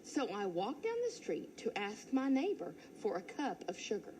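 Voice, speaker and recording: A teacher reading a children's storybook aloud in first person, playful and expressive. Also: female voice, medium pitch, normal speed, a little hiss or hum.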